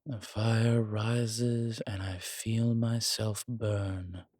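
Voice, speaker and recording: A man performs a wry, world-weary male demon investigating a haunted house in an intimate horror roleplay. His lowish, darkish voice moves very slowly with little pitch movement, musing hesitantly and measuredly with dry humour in a solemn reciting mood. The sound is close and dry with no echo, as if he's talking to one companion.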